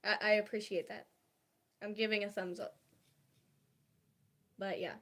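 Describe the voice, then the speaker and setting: Slow, halting young woman streamer. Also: medium pitch, little pitch movement. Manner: halting, hesitant, lots of fillers and restarts; confiding and soft-spoken about feelings. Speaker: livestreamer. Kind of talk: casual livestream chat.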